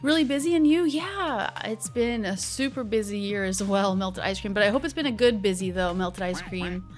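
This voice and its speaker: A woman's voice: medium pitch, moderate pace. A woman hosting a casual livestream, greeting viewers with playful, bubbly gamer-girl chattiness. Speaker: live streamer host. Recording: music behind the voice. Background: background music.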